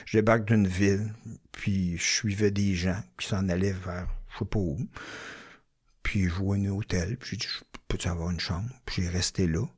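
A man with a Québécois accent, telling a story in casual chat, animated and swearing often as he acts it out. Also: low-pitched, normal speed, husky.

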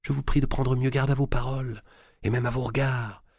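A man voicing a haughty, sly young noble queen in a high, theatrical voice. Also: little pitch movement, a little fast, darkish tone, dry recording, clean studio sound, lightly acted. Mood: sharp, warning.

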